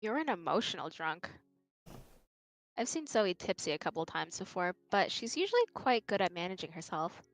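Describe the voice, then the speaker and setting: A woman's voice: lowish voice, very animated, normal speed. A woman streamer voicing a confident, teasing young woman in a visual novel, in a dry, self-assured way. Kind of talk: reading a visual novel role aloud.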